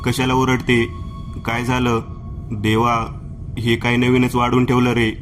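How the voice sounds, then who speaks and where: A man's voice: mid-range voice, completely flat delivery, measured pace, soft background music, natural voice. A man voicing an anxious, fussing mother. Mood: worried. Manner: pleading, fussing over her child. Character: anxious, caring village mother of a teenage daughter.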